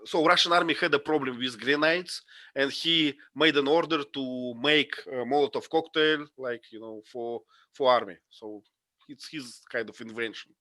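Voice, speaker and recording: A man leading a casual class discussion on a video call, often pausing and searching for words. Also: medium pitch, pushed and bright, no room sound. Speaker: discussion leader.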